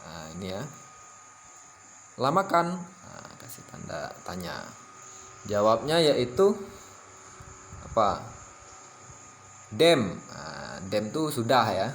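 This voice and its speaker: A man from South Sumatra in Indonesia gives a casual, halting lesson, full of fillers and repeated phrases. He jumps up in pitch each time he says an example word, and he is apologetic about his pronunciation. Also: very animated, a little hiss or hum. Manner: apologetic, pitches up sharply when saying example words. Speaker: language-learning vlogger. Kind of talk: casual teaching monologue.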